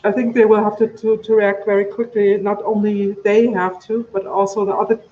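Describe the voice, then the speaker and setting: A woman whose first language is German, co-hosting a casual stream chat, talkative and quick to correct herself. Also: medium pitch, little pitch movement, warm tone. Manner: chatty, apologetic, self-correcting. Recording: slightly dull video call audio.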